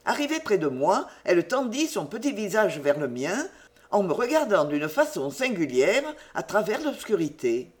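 An audiobook reader narrating a classic novel in an expressive storytelling manner. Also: medium pitch, moderate pace. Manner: expressive storytelling, varied delivery. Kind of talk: scripted literary narration.

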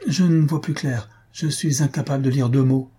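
A troubled young husband from a read-aloud story, voiced by a man with a husky, mellow timbre. He sounds shaken and timid. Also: lowish voice, steady tone, measured pace.

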